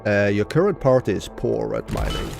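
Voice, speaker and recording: A man's voice: on the low side, expressive, normal speed, vocal fry, over music. A man from Norway, casually commenting on a live game stream and reading game text aloud. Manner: reads game text aloud, muses to chat.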